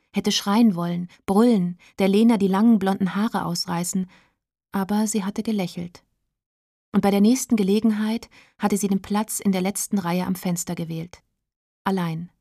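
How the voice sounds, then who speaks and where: Calm woman reading a novel aloud. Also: mid-range voice, dry recording, studio quality. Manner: calm, measured storytelling. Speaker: narrator.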